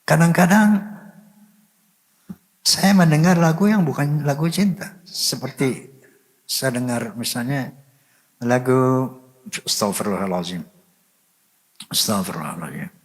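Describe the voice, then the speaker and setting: An older man earnestly telling a personal story, full of pious phrases, sometimes dropping to a soft murmur. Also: on the high side, slow pace, long pauses. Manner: devout, full of religious phrases. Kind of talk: emotional storytelling. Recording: long hall reverb.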